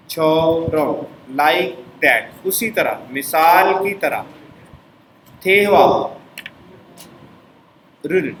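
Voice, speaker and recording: A man's voice: a little high, fairly bright tone, echoey room, slight background noise, rough recording. A man teaching a language lesson step by step, asking his class to repeat words back.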